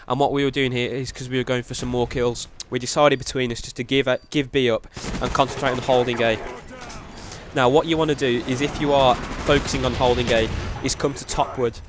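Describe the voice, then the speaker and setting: A gaming commentator, a young man with a nasal cold voice of medium pitch, talks through gameplay and gives tips. His delivery is quick and even, full of "very, very", with background noise plus gunfire and explosions from the game.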